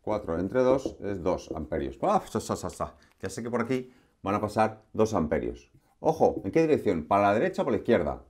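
Man, electronics teacher, chatty and playful, lowish voice, lesson recorded at a board. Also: sing-song, fairly quick, darkish tone. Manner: chatty, asks rhetorical questions, playful asides.

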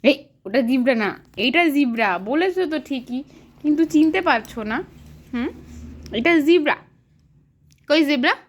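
A mother's high, swooping voice coaxes her toddler through picture words. She talks slowly and patiently, asking sing-song questions and heaping on praise. It is a casual home video. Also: expressive.

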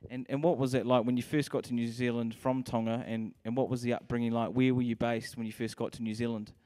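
A man in his thirties hosts an on-stage interview in a large hall before an audience, upbeat but tripping over fillers as he speaks into a handheld mic. His voice is medium-pitched, mellow, and fast, with little pitch movement.

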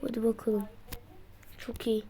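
Woman, high and unhurried, gameplay tutorial commentary, excitable, grumbles at the players. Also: a little hiss or hum. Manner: excitable, mutters and shouts at the game. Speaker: gameplay video maker.

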